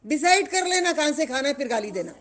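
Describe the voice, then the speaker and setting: High-voiced woman teaching religion to children. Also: sing-song, fairly bright tone. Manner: questioning the class, drawn-out chanting of phrases.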